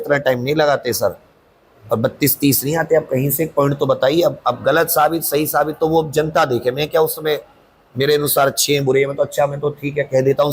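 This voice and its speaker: A man's voice: fairly high pitch, slight background noise. A man, a coaching teacher, answering interview questions in a defensive, insistent, rambling way.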